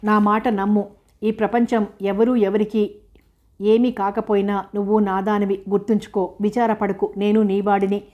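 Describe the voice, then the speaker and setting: A woman's voice: medium pitch, flat delivery, normal speed, muffled recording, lightly acted. A woman voicing a lovesick, anguished young man who pleads emotionally. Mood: pleading.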